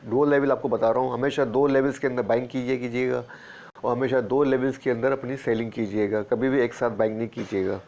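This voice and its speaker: A market analyst from Pakistan, nursing a sore throat, shares his screen and walks steadily through stock charts, repeating price levels. His mid-range voice is level, brisk and darkish, with the highs cut off.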